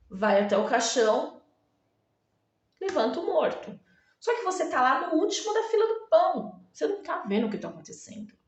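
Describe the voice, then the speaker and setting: A woman preaching an emotional sermon, pleading and dramatic, with long pauses. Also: fairly high pitch. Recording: echoey room, distant from mic.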